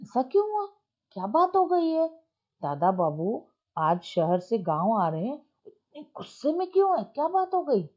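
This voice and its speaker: Worried anxious mother, a woman putting her on, sharp high questions, dull lo-fi audio. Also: big pitch swings, measured pace. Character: worried middle-aged mother questioning the maid.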